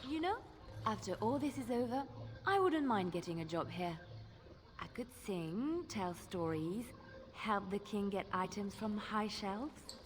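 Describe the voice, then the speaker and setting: An actress playing a cheerful bard companion in a video game, speaking playfully. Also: female voice, medium pitch, very animated, measured pace, long reverb tail.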